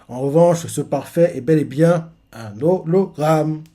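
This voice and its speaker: A man reading aloud the lines of a cautious, steady male fighter, in a slightly lowered voice. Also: a little slow. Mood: warning.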